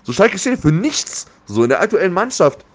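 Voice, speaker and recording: A man's voice: high voice, sing-song, moderate pace. Blunt, slangy man griping about football. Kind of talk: casual opinionated football chat.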